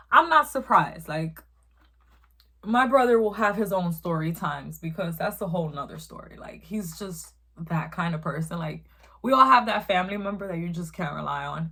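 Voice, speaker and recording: A woman's voice: fairly low pitch, expressive, moderate pace, creaky, bright, forceful tone. A young woman, telling a profane, emphatic story in casual chat as she eats. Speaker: vlogger. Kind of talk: casual storytime while eating.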